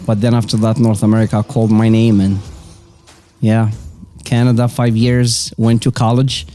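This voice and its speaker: A business owner in his forties, a native speaker of Arabic and French with a Moroccan accent, casually shares personal stories as an interview guest. His voice is on the low side and warm but monotone, at a normal speed. Soft music plays in the background.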